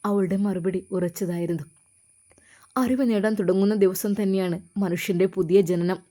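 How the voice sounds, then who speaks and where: A woman from Kerala narrating a religious story in a measured, earnest way. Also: medium pitch, steady tone, warm tone.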